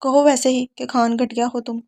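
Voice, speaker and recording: A woman's voice: on the high side, little pitch movement, normal speed, natural voice. Woman voicing a harsh, domineering husband. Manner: harsh, commanding, loud. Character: cruel domineering young husband, man.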